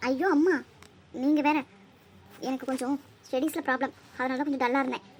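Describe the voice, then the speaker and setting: Woman as secretive young daughter in a cartoon, high voice, hesitant and evasive. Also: steady tone, brisk, slight background noise. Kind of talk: cartoon voice acting.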